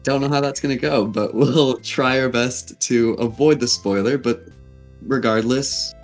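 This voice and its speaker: A man's voice: mid-range voice, a little slow, soft background music. A man hosting a podcast in a casual, conversational style. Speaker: podcast host. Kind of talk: casual chat.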